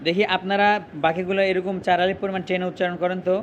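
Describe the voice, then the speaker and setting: A man's voice: sits high, monotone, rapid-fire, highs cut off, very noisy. A man teaching a Quran reading lesson, drawing out letters and asking questions that he answers himself.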